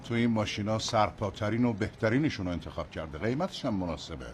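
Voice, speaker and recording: A man dubbing a smooth-talking used-car dealer, persuasive and pushy. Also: lowish voice, slight background noise, lightly acted. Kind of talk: dubbed film acting.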